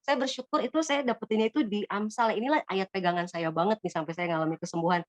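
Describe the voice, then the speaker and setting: Fast-talking woman from Bogor. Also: mid-range voice, steady tone, no echo. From Bogor, Indonesia. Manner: chatty, many fillers and hesitations. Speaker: guest giving a testimony. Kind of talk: casual spoken testimony.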